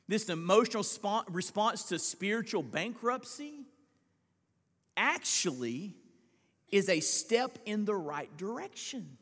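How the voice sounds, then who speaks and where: A man with a strikingly high speaking voice delivers a live sermon from the pulpit. He preaches unhurriedly and earnestly, quoting scripture and putting questions to his listeners. His voice rings out through the long reverb of a church sanctuary. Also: fairly bright tone. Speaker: senior pastor.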